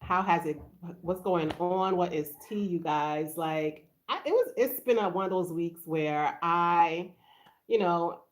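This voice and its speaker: A woman's voice: on the low side, unhurried. A woman from Haiti hosting a casual live stream, greeting viewers and answering their comments aloud in a chatty way. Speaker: livestream host.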